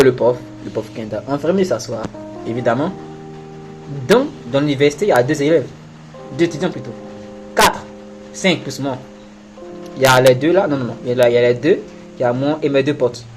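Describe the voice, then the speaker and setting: A man's voice: mid-range voice, low-quality recording. A man streaming a romance game, joking, repeating himself and reading the dialogue aloud in a teasing way. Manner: joking, repeats himself, laughs often, voices dialogue mockingly. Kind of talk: casual gaming commentary, reading game lines aloud.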